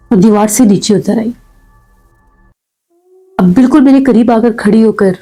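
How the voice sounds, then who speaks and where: Lady with a really dark mellow voice, middle pitch, calmly telling a scary first-person story. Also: low-quality recording. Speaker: horror story narrator.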